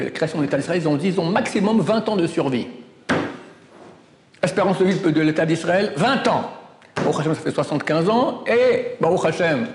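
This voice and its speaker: A man teaching Torah as a sermon, emphatic, with loud exclamations and hushed asides. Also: a little high, echoey room, big-room sound.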